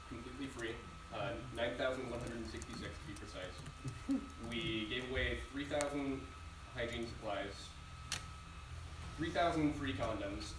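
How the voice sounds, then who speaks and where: A man's voice: mid-range voice, noisy background. Man reading out figures in an echoing hall. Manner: proud, measured delivery of figures. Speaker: community organization speaker. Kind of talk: prepared speech. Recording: echoey hall audio from a distance.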